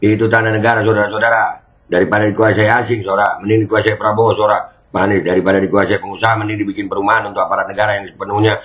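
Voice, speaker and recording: A man's voice: on the low side, level tone, rapid-fire, a bit bright. Middle-aged guy ranting, sarcastic and jeering, casual commentary. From Indonesia. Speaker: political commentary vlogger.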